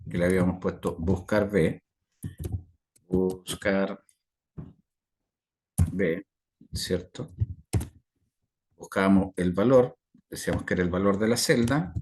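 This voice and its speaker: A man's voice: sits low, a little mellow. A Chilean man teaching an online class over a video call, rambling with fillers and constantly checking in with his students. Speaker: instructor.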